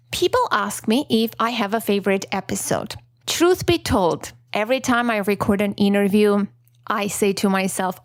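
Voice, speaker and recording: A middle-aged woman whose first language is Armenian hosts a podcast, offering a candid, self-deprecating solo reflection in non-native English. Her voice is medium-pitched, with clean studio sound and no echo.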